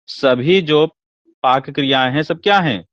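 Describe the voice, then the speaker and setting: Male teacher, fairly high voice, rhetorical questions, dull dry lo-fi recording. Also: unhurried, a bit bright, no echo. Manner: asks rhetorical questions and answers them himself. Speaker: Sanskrit poetics teacher. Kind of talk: explanatory lecture.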